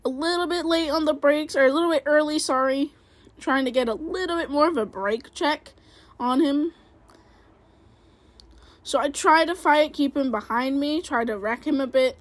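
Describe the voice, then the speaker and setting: A gaming video creator with a high-sitting voice and moderate pace gives casual play-by-play of her own racing game. She rambles and criticizes herself, using many fillers, and there's no echo.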